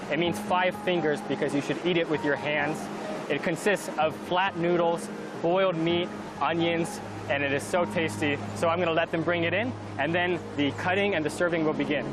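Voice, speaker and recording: A young man from California hosting a travel show, explaining customs in an upbeat way. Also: on the high side. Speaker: TV host. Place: outdoors at a wedding celebration.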